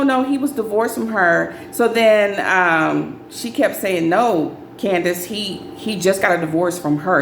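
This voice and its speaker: A young adult woman recounts a dating story in a relaxed vlog style, her speaking voice sitting on the low side. She jumps up high whenever she quotes someone. The sound is echoey, with a faint hum of ambience behind her. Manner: animated, acts out friends' lines in higher voices. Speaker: storyteller vlogger.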